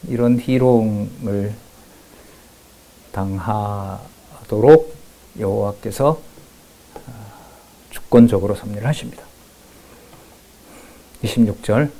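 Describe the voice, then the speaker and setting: A man's voice: fairly low pitch, vocal fry. Man preaching in a sermon. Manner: shifts between calm scripture reading and loud emphatic remarks. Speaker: pastor.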